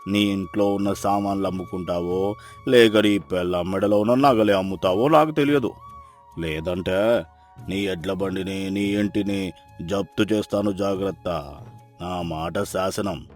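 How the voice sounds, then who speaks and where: An actor playing a harsh, greedy village landlord who speaks slowly and with menace in a storybook drama. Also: male voice, low voice, steady tone, soft background music. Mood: threatening. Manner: slow, menacing, domineering. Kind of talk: storybook voice acting.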